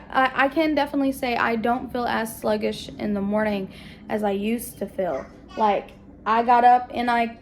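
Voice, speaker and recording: A woman's voice: on the high side, creaky, slight background noise. A young woman vlogging at home to her phone, with a chatty, rambling way of talking to her viewers. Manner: chatty, rambling, southern-tinged "y'all". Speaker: family vlogger. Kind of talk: casual chat to camera. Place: at home indoors.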